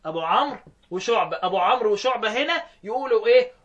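High-voiced Egyptian teacher drilling readings. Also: male voice, animated, a bit bright, highs cut off. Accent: Egyptian Arabic. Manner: quizzing, repeats answers, drills phrases slowly. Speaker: Quran recitation teacher. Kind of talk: teaching the variant readings with call and response.

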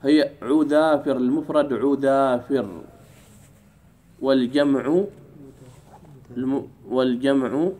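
A man teaching an Arabic grammar lesson in a classroom, drawing out key words slowly and keeping the class engaged with questions. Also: medium pitch, steady tone, darkish tone. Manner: drawls key words slowly, keeps asking "what?".

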